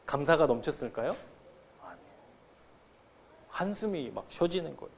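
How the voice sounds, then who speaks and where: Conversational pastor in his thirties. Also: on the high side. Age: 30s. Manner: conversational storytelling to the congregation. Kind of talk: sermon. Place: church sanctuary.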